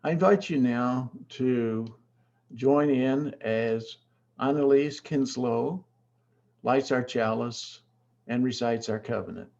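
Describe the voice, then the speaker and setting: A man's voice: mid-range voice, slow, creaky, a little mellow, lo-fi sound. A man serving as worship associate, giving a formal, earnest, scripted welcome to a service.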